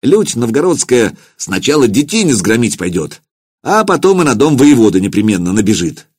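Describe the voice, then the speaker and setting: A man voicing a scheming city official in an audiobook, giving hurried, conspiratorial orders. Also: medium pitch, sing-song, darkish tone, breathy edge, no room sound, clean studio sound, pitched above the performer's own voice. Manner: urgent, conspiratorial. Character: scheming male city official, sly and urgent. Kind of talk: audiobook character voice.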